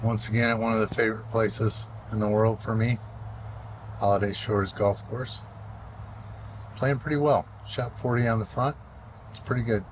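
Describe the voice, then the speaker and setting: A man in his sixties giving a casual vlog check-in outdoors, talking in a relaxed, rambling way with plenty of fillers. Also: fairly low pitch, normal speed, pauses often, noisy background. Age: 60s. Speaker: vlogger. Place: outdoors, walking and at a golf course.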